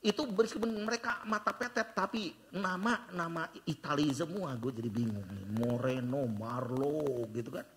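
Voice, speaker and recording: An older man preaching a sermon as pastor, telling stories and slipping English phrases into his talk, swinging between loud bursts and hushed low passages. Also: normal speed, hardly any pauses, a little hiss or hum. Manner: mixes in English phrases, storytelling.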